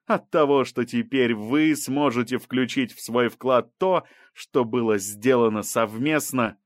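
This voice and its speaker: A man reading an audiobook, voicing a mocking, aggressive female prosecutor who presses and rises to shouts. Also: medium pitch, a little slow, dry recording, clean studio sound, close to an everyday voice. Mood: accusing.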